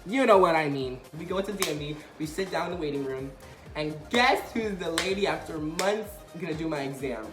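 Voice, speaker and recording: A man's voice: a little high, brisk, reverberant, over music. A young man vlogger telling a story casually, acting out the quotes with energy. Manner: animated, acts out quotes.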